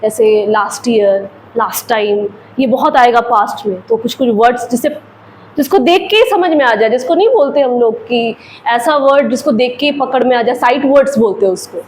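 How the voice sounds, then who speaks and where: A woman's voice: on the high side, moderate pace, a little mellow, a little hiss or hum, low-quality recording. A woman English teacher with an Indian accent, explaining grammar in a patient classroom lecture with repeated examples.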